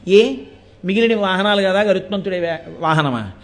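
A man's voice: high voice, normal speed. A man giving a live devotional discourse to an audience, asking rhetorical questions and quoting verses as he explains. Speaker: spiritual discourse speaker.

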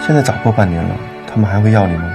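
An actor playing a proud, jobless young husband in a TV drama, earnest and reassuring but stubborn. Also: male voice, on the low side, rapid-fire, vocal fry. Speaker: unemployed husband. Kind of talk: TV drama acting. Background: loud background music.

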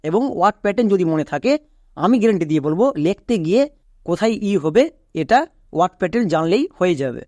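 A woman whose first language is Bengali teaches English spelling and pronunciation, spelling each word out letter by letter and then saying it slowly. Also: fairly low pitch, animated, darkish tone, no echo, clean studio sound.

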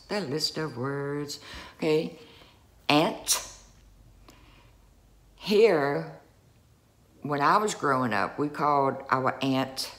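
Slow, low-voiced South Louisiana woman. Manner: chatty, folksy, drawn-out words. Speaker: YouTuber. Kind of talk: casual accent tag vlog.

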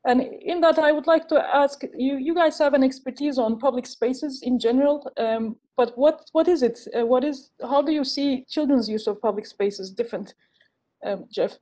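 A woman moderates an online panel from a room at home, talking into a wired earphone mic. Her voice sits a little high and has a mellow, soft tone. She speaks haltingly, with frequent fillers and restarts. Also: low-quality recording. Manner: hesitant, many fillers and restarts. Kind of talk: webinar moderation. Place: indoors, home room with a plant. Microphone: earphone headset on video call.

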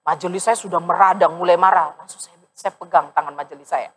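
A woman pastor giving a lively, conversational sermon in a church, speaking straight to the congregation and acting out the voices of the people in her stories. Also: fairly low pitch, a little fast, husky. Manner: animated, acts out quoted voices, addresses congregation directly. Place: church sanctuary.

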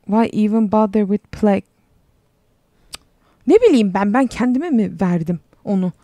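Young woman chatting through a game, sarcastic, reads stuff out loud, warm mellow tone. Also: medium pitch, lively intonation, measured pace, dry recording. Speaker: game streamer. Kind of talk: casual gameplay commentary.

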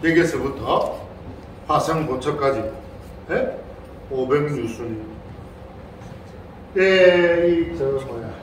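A man's voice: a little high, extremely slow, long pauses, a little hiss or hum. An older man, a Buddhist monk, gives a playful Dharma lecture to a congregation and keeps prompting his listeners with questions. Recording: very echoey hall, voice far from the mic.

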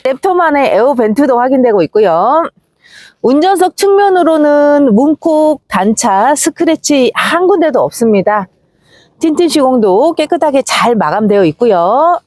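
A woman delivers a slick, upbeat used-car sales presentation in a fairly high voice. Her pitch swings in a very animated way as she walks through the vehicle. The sound is close and dry, with little room echo. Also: normal speed.

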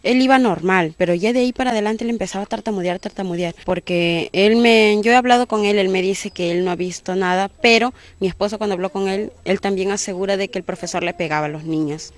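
A woman's voice: medium pitch, fast, hardly any pauses. Worried mother speaking to reporters. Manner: worried, earnest. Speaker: mother of a pupil. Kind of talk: news interview testimony.

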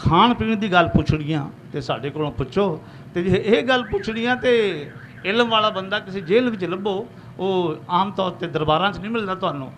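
Man, 60s, high and sharp-toned, fervent sermon preacher. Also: brisk, slight background noise. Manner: fervent, calls on the crowd to respond. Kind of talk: sermon with chanted verse.

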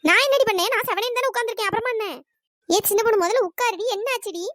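Cartoon village busybody, very high-pitched, fast and shrill, teasing and scolding, played by a performer. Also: a bit bright, no room sound, studio quality. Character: sharp-tongued village women gossiping, loud and teasing. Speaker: cartoon characters. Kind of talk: cartoon comedy dialogue.

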